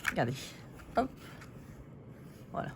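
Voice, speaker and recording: A woman's voice: slow, noisy background. A woman hosting a casual scrapbooking tutorial, chatty and giggly, poking fun at herself as she works. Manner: chatty, giggly, self-mocking.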